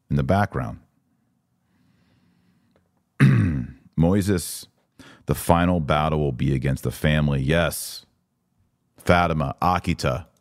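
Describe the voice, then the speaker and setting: The host of this live podcast is a man with a low voice who reads listener comments and then weighs in on them, informal, emphatic and clearly opinionated. He's recorded up close, and the sound is dry with very little room in it.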